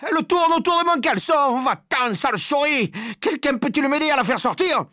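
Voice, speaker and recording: A man voicing a panicked adult cook who shouts in a shrill, frantic voice in an audiobook. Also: expressive, moderate pace, no echo, studio quality, heavily acted. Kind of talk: audiobook character voice.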